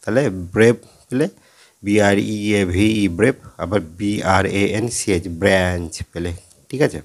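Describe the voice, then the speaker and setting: A man's voice: on the low side, moderate pace. A man teaching a lesson, patiently spelling out letters and often checking in with his listeners. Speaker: English teacher. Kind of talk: explanatory lesson.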